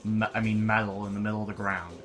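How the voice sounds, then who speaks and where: A young man with a lowish voice chats offhandedly through his gameplay, half talking to himself. A steady layer of game noise sits clearly behind him. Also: fast talker. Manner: offhand, talks to himself while playing. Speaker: gameplay commentator. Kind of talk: casual gameplay commentary. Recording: noisy game audio behind.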